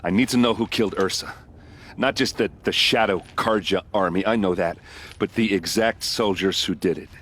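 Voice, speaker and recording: A male actor, moderately paced and a bit bright in tone, gives voice to a young warrior in a video game. Mourning his murdered sister, the character pleads earnestly in a low voice.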